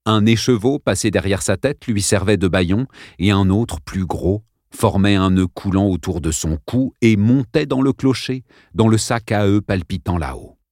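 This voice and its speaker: A man's voice: fairly low pitch, normal speed, darkish tone, no room sound, studio quality. A man narrating an audiobook in a dramatic, suspenseful reading style.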